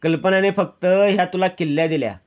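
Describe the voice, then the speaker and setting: A man's voice: high-pitched, brisk, close to an everyday voice. A man reading out the lines of a stern but loving elderly grandmother who heads the household. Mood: firm.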